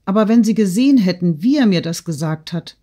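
Brief: male reader doing an impulsive teenage girl, high and eager, audiobook. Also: lively intonation, brisk, dark tone. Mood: excited. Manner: high, eager, breathless pleading. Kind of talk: audiobook character reading.

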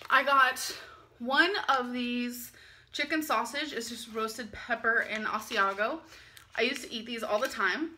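In an unhurried, bright, forceful voice on the high side, a twentysomething vlogger chats about her grocery haul while unpacking it in her kitchen. It's late at night and she's tired and giggly. A faint hiss or hum can be heard.

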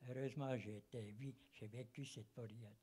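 A man's voice: medium pitch, steady tone, mellow. Elderly man with a foreign Swiss German accent. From German-speaking Fribourg countryside, Switzerland. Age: 80s. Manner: rambling, halting, searching for words in foreign-accented French. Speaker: audience member, former travelling cinema operator. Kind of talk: reminiscing at a public round table. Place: seated in a cinema auditorium. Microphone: handheld microphone.

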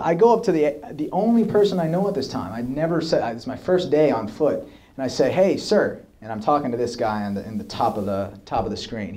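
A young man in his twenties, an army officer, telling lively stories to an audience and acting out quoted dialogue. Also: medium pitch. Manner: lively anecdotal storytelling, acts out quoted dialogue. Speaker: army officer giving a talk. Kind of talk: storytelling talk to an audience. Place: hall with audience, showing slides.

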